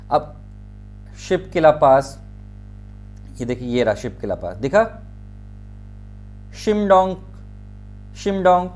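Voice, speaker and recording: A man's voice: fairly high pitch, a little mellow. A man teaching a geography exam-prep lesson, pointing out places on a map, repeating names and often checking whether his students have followed. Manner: addresses students directly, checks understanding.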